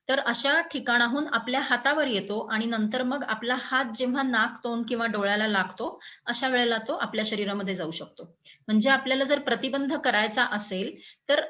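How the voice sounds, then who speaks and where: A woman giving an explanatory health talk as an educator, in a measured teaching tone with frequent pauses and fillers. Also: a little high, bright, forceful tone, poor audio.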